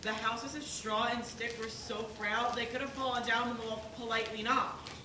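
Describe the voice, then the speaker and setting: A woman speaks in a fairly high, steady voice at normal speed, close to her everyday tone, as a level-headed pig juror in a school play. Questioning and argumentative, she doubtfully reasons through whether the wolf is guilty, captured in a noisy, distant, echoey stage recording.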